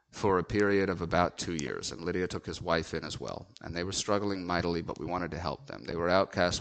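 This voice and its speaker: A man's voice: sits low, fairly bright tone. A man, a pastor, telling a story from the pulpit in an earnest, emphatic sermon.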